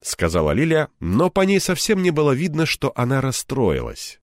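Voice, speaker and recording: A man's voice: mid-range voice, huge pitch swings, moderate pace, dry recording, studio quality. A man narrating a first-person audiobook, wry and a bit grumbling as the hero. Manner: wry, grumbling when in character.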